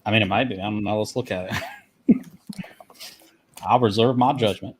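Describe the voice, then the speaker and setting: A co-host in a casual livestream chat, playful and quick to laugh. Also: mid-range voice, slight background noise. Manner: playful, laughs often, jokey. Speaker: podcast co-host.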